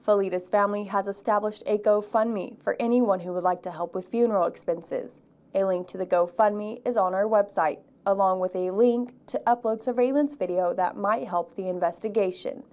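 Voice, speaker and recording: A young woman reporter narrates a local news story with a measured, clear delivery. Her voice sits at an everyday middle pitch. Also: a little mellow. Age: young adult.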